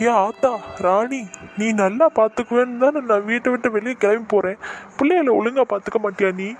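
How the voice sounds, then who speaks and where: A man's voice: extremely high pitch, fairly quick, a little hiss or hum. A man voicing a doting cartoon father who frets and laments over his child. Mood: anxious. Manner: anxious, lamenting.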